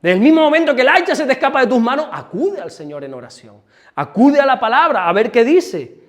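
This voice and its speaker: A man's voice: extremely high pitch, fairly quick. A man who is a pastor preaching a sermon at a church service, telling stories and acting out the people in them. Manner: animated storytelling preacher, acts out quoted speech.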